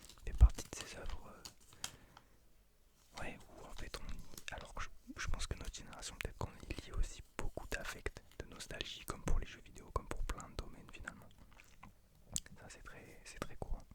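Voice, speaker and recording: Male, late 20s. Whispered role-play in hushed library whisper, ASMR host, self-deprecating and confiding. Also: moderate pace. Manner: soft unvoiced whispering; hesitant, self-deprecating, intimate address to the listener.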